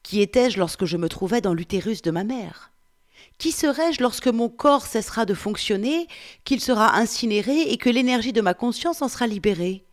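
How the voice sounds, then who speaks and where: A woman reading the part of a 47-year-old Frenchman, reciting in a slow, hushed, meditative way. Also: fairly high pitch, lively intonation, voice pushed up, lightly acted. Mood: contemplative. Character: 47-year-old French man, pondering who he is. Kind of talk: reading a novel aloud.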